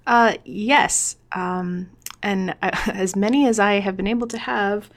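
A woman's voice: medium pitch, fairly even intonation, a little slow. A woman in her thirties talking informally in a panel discussion, with slightly slurred marbles-in-mouth articulation, hesitating and often checking for agreement. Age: 30s. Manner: informal, hesitant, seeks agreement with "right?" and "you know". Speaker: scientist guest on a podcast.

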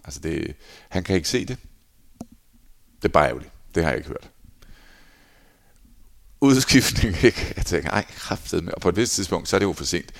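A former handball goalkeeper appears as a guest in a casual interview, telling stories in a very deep, gravelly voice with a Danish accent. His anecdotes are animated, and he acts out the quotes by shouting them.

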